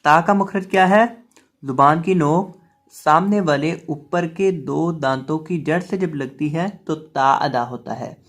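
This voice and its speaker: A man teaching the pronunciation of letters in a step-by-step lesson, calling out each letter loudly and drawn out, then explaining calmly. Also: on the high side, slow. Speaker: Quran reading teacher.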